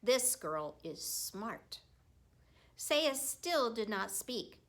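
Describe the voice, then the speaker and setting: In a slightly high voice, a woman reads a children's story aloud the way a teacher would, narrating expressively with deliberate, emphatic phrasing.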